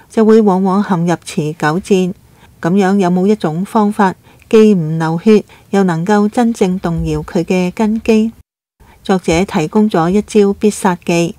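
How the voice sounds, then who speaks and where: A woman's voice: fairly low pitch, mellow, no room sound. Woman reading scripted commentary, very dry. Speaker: political commentary narrator. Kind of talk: scripted news commentary narration.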